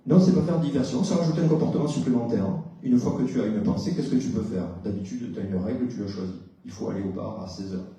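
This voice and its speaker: Very dark-voiced man lecturing in an echoey hall. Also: fairly low pitch, fast talker, hardly any pauses. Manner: explanatory, questions the audience, many hesitations. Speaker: psychologist giving a talk. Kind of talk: conference talk with audience exchange. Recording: very echoey hall, distant mic.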